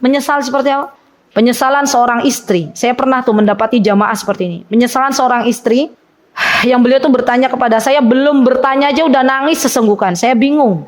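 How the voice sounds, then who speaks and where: High-pitched woman teacher, giving a chatty religious talk to a women's circle and quizzing her audience. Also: fairly quick. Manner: chatty, asks the audience questions, acts out quoted laments. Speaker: Islamic teacher leading a women's study circle. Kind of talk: conversational religious lecture.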